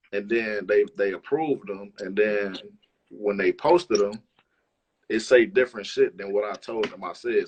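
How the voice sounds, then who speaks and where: Chatting loosely as an interview guest, this man from Chicago throws around lots of slang and swearing, saying things twice to drive them home. He has a lowish voice, and the poor audio carries slight background noise.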